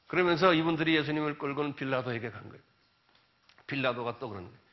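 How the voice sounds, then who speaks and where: A male pastor preaching a seminar sermon, telling the story dramatically and loudly acting out the voices of the people in it. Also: medium pitch, lively intonation, fast. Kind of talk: sermon lecture. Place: church or seminar hall. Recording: dull lo-fi recording.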